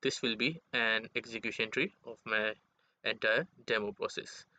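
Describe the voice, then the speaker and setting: A man presenting a software demo as its developer, in halting, non-native English phrasing, on a dull, lo-fi microphone. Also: lowish voice.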